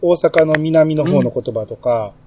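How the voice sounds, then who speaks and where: A man with a Kansai accent hosting a casual podcast chat, relaxed and chatty, with many fillers and small laughs. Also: on the high side, unhurried, slight background noise. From Kansai, Japan. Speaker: podcast host.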